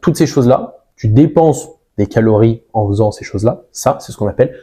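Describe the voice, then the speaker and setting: Male fitness coach, mellow darker timbre, mid pitch, explains directly to viewer. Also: animated, a little fast. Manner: explanatory, addresses the viewer informally. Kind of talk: direct-to-camera advice video.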